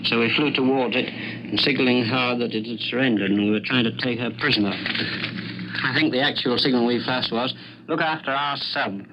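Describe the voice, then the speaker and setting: British man, wartime airman, grave 1940s radio account, measured delivery, noisy dull archive recording. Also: medium pitch, fairly even intonation. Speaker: air force pilot recounting combat.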